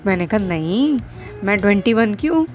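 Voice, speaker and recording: Faint music sits behind this animated, slightly mellow mid-range female voice moving at a moderate pace. The speaker, a vlogger and school teacher in her twenties, chats to her viewers in casual, self-deprecating Hinglish sprinkled with English phrases.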